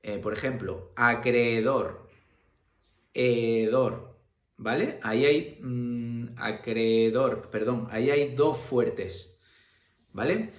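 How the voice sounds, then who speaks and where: A man's voice: mid-range voice, takes it slowly, a little mellow. A male teacher from Spain, explaining a grammar lesson patiently, with frequent fillers and checking questions. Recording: roomy echo.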